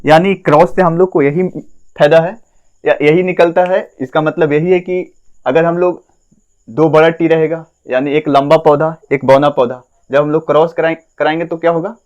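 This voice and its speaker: A man's voice: fairly high pitch, fairly even intonation, moderate pace, a little mellow, highs cut off. Man teaching, quizzing and repeating terms. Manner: asks questions and answers them himself, repeats key terms. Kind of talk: classroom lesson at a board.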